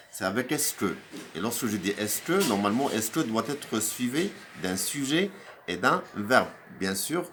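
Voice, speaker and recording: A man's voice: lowish voice, a bit bright, a little hiss or hum. Man giving a hesitant French lesson. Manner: hesitant, many fillers and restarts, raises voice on example questions. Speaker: French teacher. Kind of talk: recorded video lesson.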